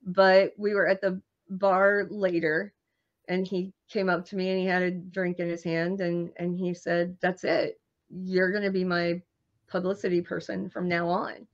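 Woman guest, lowish voice, animated anecdotal delivery, slightly dull lo-fi audio. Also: unhurried. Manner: animated anecdotal storyteller, laughs often. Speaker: screenwriter and marketing guest. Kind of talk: interview storytelling.

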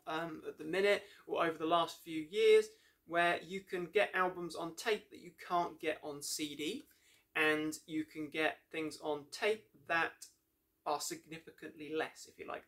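Speaking from a small, shelf-lined room indoors, a young man who hosts and reviews music delivers a loose, excited piece to camera. He drifts a little and fixes his own phrasing as he goes. His voice is slightly high and fairly bright.

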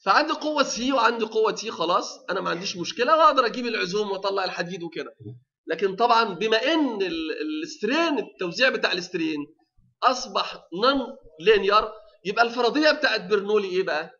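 A man's voice: sits high, expressive, racing, bright, forceful tone, highs cut off. A male university lecturer with an Egyptian Arabic accent, giving a technical lecture, often asking the class rhetorical questions and restarting his sentences.

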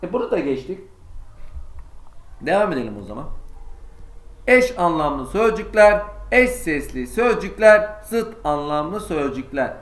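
Chatty Turkish teacher in an echoey room. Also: male voice, high voice, very animated, measured pace, long pauses. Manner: explains in a chatty way, asks and answers his own questions. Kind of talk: online lesson for sixth graders.

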